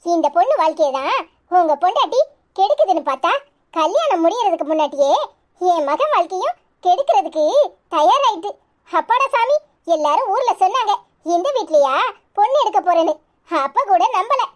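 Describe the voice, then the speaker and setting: Woman as a scolding cartoon mother-in-law, Tirunelveli accent, very high voice. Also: animated, normal speed. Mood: scornful. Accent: Tirunelveli Tamil. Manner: scolding, indignant. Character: groom's mother, middle-aged woman, proud and sharp-tongued.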